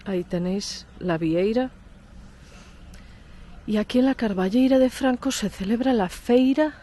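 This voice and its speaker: A woman's voice: medium pitch, dark tone. Nasal, congested woman vlogging. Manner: chatty, pointing things out as she walks. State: stuffy cold, congested. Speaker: travel vlogger, host. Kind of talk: casual guided tour. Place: outdoors in a village.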